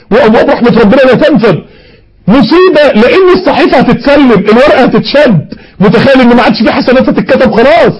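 Urgent high-pitched Egyptian preacher. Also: male voice, a little mellow, muffled recording. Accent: Egyptian Arabic. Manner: urgent, emotional preaching with rhetorical questions. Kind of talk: sermon.

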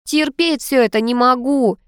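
A woman's voice: sits high, normal speed, smooth, no echo, studio quality, voice pushed up, close to an everyday voice. A woman reading an audiobook, voicing a sulky young woman who whines and complains. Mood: complaining. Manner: whining, petulant.

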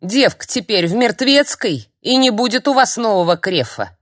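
A woman reading an audiobook, voicing a cantankerous, half-blind old hag who scolds and jeers in a high, strained voice. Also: sing-song, dry recording, clean studio sound. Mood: scolding. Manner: shrill, scolding, drawn-out jeers.

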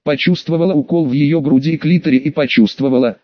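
A man narrating an audiobook in the first person with an even, steady reading. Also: fairly high pitch, fast, no echo, highs cut off.

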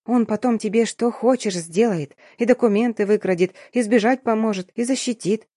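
A woman's voice: fairly high pitch, moderate pace, no room sound, studio quality, voice pushed up, close to an everyday voice. A woman voicing a young female friend who whispers her news in a scared, teasing, conspiratorial way. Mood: sly teasing. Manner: hushed, whispering, sly.

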